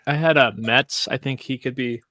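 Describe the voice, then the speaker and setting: A man's voice: mid-range voice, moderate pace, pushed and bright, no room sound. A man co-hosting a movie podcast in casual chat, joking and acting out lines. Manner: jokey, acts out lines in a raised voice. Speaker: podcast co-host.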